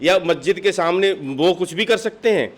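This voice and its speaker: In a high voice with lively intonation and a normal speed, a male party district official answers interview questions. He is argumentative and impassioned, pressing his points and often using rhetorical questions.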